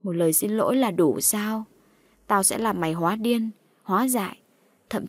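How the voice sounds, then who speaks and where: A woman's voice: medium pitch, moderate pace, husky, dry recording, studio quality, natural voice. Woman voicing a vengeful old woman's ghost. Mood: menacing. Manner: menacing, moaning.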